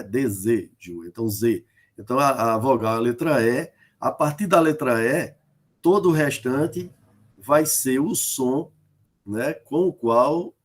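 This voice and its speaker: A male lecturer from Northeast Brazil giving an online class, hesitant and full of fillers and tag questions, explaining through spoken examples. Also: medium pitch. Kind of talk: online lecture on rhyme in folk poetry.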